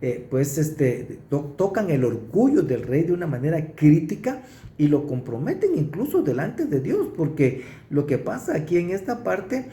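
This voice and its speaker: A man gives an expository sermon, walking through the verses and stopping to stress key points. His voice sits a little high yet sounds deeply mellow and dark, with a lively, swinging pitch. The room around him rings with noticeable echo. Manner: explanatory, pauses to stress verses. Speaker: preacher. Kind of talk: expository Bible teaching. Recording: roomy echo.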